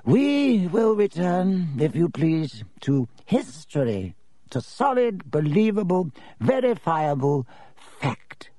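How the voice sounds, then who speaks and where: A dry, reedy old ghost professor lectures slowly and testily, as a male narrator puts him on. The voice sits high and thin, with a dark, mellow tone and strongly rising and falling emphasis. Each word is clipped and drawn out with weary disdain. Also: sing-song, no echo. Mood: irritated. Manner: slow, clipped, dismissive lecturing.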